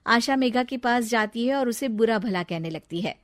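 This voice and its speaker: Storybook narrator, woman, calm and even, a bit high, dry close sound. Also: moderate pace, no echo.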